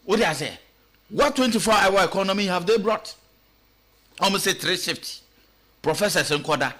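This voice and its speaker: A man's voice: high-pitched, lively intonation, normal speed, fairly bright tone. A man with a Ghanaian accent giving radio talk show commentary, firing off rhetorical questions and switching between English and Twi. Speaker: political commentator.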